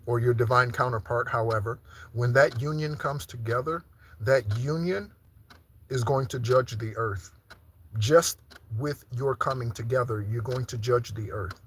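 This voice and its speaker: Man, preacher, informal live sermon, mid-pitched, repeated rhetorical questions, frequent check-ins, light background noise with ticks. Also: a bit bright. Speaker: preacher leading an online Sunday service.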